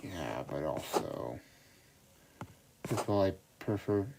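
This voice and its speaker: A man's voice: sits low, lively intonation, slow, vocal fry. A young man chatting casually to himself on a livestream, rambling and self-deprecating. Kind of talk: casual solo stream chatter. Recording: loud background noise.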